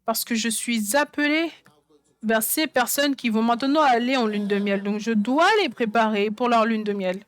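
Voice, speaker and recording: A woman's voice: fairly high pitch, fairly even intonation, normal speed. A woman preaching a sermon, emphatic and repeating phrases for stress. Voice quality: songwriter speaking of her own songs.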